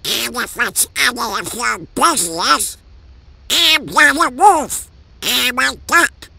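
Squawky, excitable cartoon duck voice. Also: medium pitch, slow pace, gravelly, heavily acted. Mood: scheming. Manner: excitable, loudly exclaiming. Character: excitable, scheming male cartoon duck and his duckling nephews. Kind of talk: comic dub cartoon acting.

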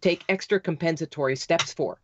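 Rapid-fire, insistent woman guest. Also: low voice, a bit bright, lo-fi sound, a little hiss or hum. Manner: insistent, rapid, talks like an auctioneer. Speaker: podcast guest. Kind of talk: fast, emphatic interview talk.

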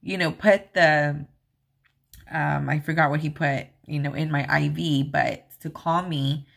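A woman's voice: sits low, fairly even intonation, a little slow, vocal fry. A woman hosting her own vlog, casually telling a personal story in a rambling, open way with plenty of "like" and "um.". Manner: chatty, rambling, many "like" and "um" fillers; open and emotional when recalling events. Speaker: vlog host.

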